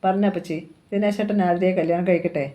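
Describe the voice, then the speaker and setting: A reader voicing a gentle young peacemaker. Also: mid-range voice, steady tone, quick pace, highs cut off, close to an everyday voice. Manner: gentle, reassuring. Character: young woman, kind and calm peacemaker.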